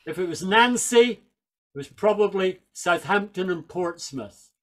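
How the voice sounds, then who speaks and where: An older man, born in Northern Ireland and raised in England, is a folk singer and speaker. Over a video call from a small room at home, using a headset mic, he tells stories in a wry, chatty way. His voice is high-pitched and a bit bright, with lively intonation and a slightly slow delivery.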